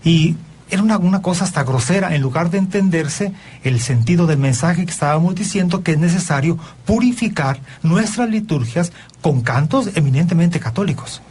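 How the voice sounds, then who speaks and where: A man with a Mexican Spanish accent, a priest hosting a radio talk show, speaking in an earnest, preachy, animated way. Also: a little high, moderate pace, a little hiss or hum.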